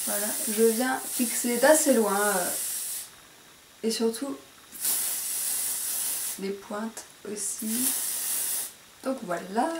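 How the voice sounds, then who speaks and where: A woman with a slightly high voice and a posh French accent demonstrates a hair tutorial. She hesitates often, pads her phrases with fillers and keeps correcting her own words. The camera picks her up from some distance in a roomy, echoing space. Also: a little mellow, slight background noise. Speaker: beauty vlogger. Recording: echoey room, mic at a distance.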